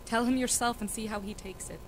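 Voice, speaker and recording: A woman playing a cold, impatient noble mother who talks to her daughter briskly and sternly. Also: a little high, steady tone, a little hiss or hum, close to an everyday voice, poor audio. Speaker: student actor in a school reading.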